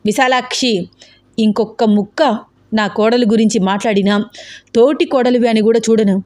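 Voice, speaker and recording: A woman's voice: on the high side, unhurried, close to an everyday voice. A woman voicing a stern, dignified elder sister-in-law who scolds firmly in a spoken story. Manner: firm, scolding.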